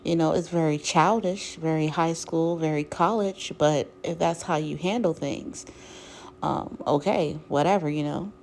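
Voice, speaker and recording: A woman's voice: sits low, measured pace, creaky, darkish tone, a little hiss or hum. A woman giving a casual, chatty commentary recap, full of fillers and quoted lines. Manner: chatty, many fillers, mimics cast members' quotes. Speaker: reality TV commentator.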